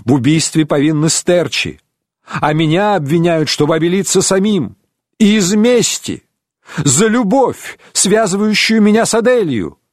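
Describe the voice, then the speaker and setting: A man's voice: high-pitched, lively intonation, unhurried, dry recording, studio quality. A man voicing a desperate young man who pleads his innocence urgently in an audiobook. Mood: pleading.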